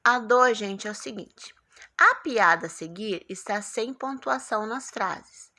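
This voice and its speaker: A Brazilian teacher talks her young pupils through an exercise in a bright, slightly high voice with a gravelly edge. She is patient and coaxing, checking in often that they are following. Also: expressive, a little slow. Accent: Brazilian Portuguese. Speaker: primary school teacher. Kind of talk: recorded remote lesson.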